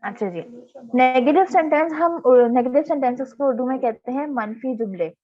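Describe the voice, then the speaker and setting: A woman teaching an online grammar class, explaining patiently and reading examples slowly. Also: high voice, darkish tone. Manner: patient explaining, reading English examples slowly, frequent "theek hai" check-ins. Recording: tinny phone-like online class audio.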